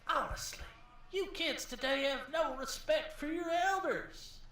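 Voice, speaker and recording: A man's voice: very high-pitched, unhurried, sharp tone, heavy reverb, far from the mic, heavily acted. A man voicing a cackling, crotchety, very old American prospector with a folksy drawl in an adventure game. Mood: crotchety, indignant. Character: cranky, cackling 136-year-old male prospector.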